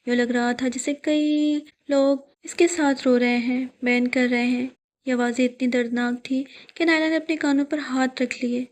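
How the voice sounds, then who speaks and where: Woman storyteller, high-pitched voice, scripted horror narration, steady delivery.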